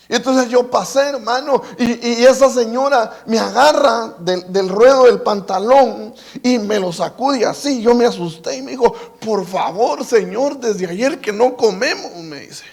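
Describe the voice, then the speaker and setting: Male preacher, high voice, halting sermon storytelling. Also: vocal fry. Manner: storytelling with many repetitions and restarts. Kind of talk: sermon testimony.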